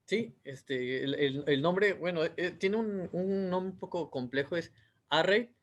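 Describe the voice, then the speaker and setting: A man's voice: a little high, takes it slowly. Mexican guy in his 30s, author being interviewed, rambles with lots of fillers. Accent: Mexican Spanish.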